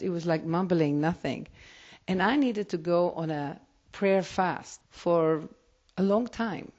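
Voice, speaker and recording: A woman rabbi with an Israeli accent, whose native language is Hebrew, answers interview questions thoughtfully in a fairly low, slightly mellow voice. She often restarts her sentences, and the recording sounds dull and lo-fi.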